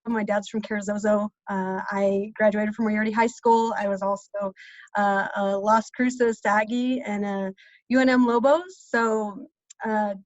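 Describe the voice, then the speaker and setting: A woman's voice: mid-range voice, little pitch movement, unhurried, dry recording. A woman from New Mexico, a policy advocate, speaking earnestly on a video call panel with fillers like "you know". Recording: dull, lo-fi video call audio.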